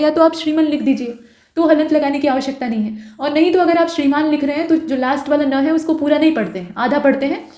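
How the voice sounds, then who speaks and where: A woman teaching an exam-prep lesson, going through wrong and right spellings one by one in a patient, explaining manner. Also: high-pitched. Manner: explains step by step, correcting each wrong form.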